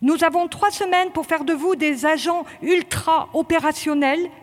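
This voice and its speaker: Woman doing a stern drill lieutenant, clipped barked orders, high voice, long hall reverb. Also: normal speed. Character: stern male police training lieutenant drilling recruits.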